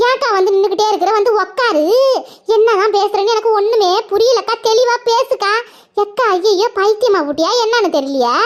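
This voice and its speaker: A woman voicing a concerned young village woman who coaxes a crying neighbor to sit down, in a cartoon. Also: very high voice. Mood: fussing. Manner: coaxing, fussing, exclaiming. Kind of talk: cartoon voice acting. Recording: muffled lo-fi recording.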